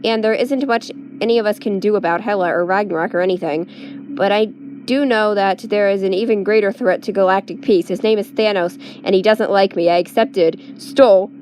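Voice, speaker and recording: A woman's voice: mid-range voice, darkish tone, slight background noise, lightly acted. A woman reading a story aloud, voicing a scheming young male trickster prince who explains himself earnestly in slightly formal speech.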